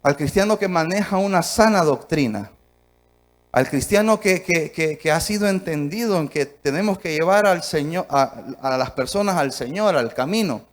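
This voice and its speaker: A man from Honduras preaching a sermon emphatically, asking rhetorical questions and swinging between soft and loud delivery. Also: a little high, animated, normal speed.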